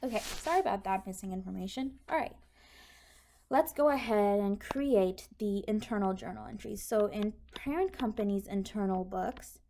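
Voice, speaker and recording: This accounting tutorial features a woman talking at normal speed in a warm, medium-pitched voice as she explains things step by step over handwritten notes in a relaxed way. The audio is clearly noisy, with clicks.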